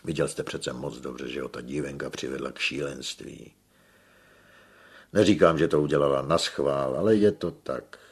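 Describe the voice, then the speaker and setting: A man reads as a gruff old peasant in an audiobook, deep and husky with a gravelly edge. He scolds and pleads in a low, weathered voice. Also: full character voice. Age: older. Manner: gruff, scolding then placating.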